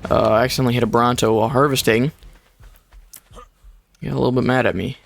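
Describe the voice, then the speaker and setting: A man's voice: mid-range voice, steady tone, fast, vocal fry, no room sound, faint music behind. A young man giving casual, chatty commentary while playing a survival game, explaining each step with plenty of fillers. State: short of breath at times. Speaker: gaming YouTuber. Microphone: desk microphone.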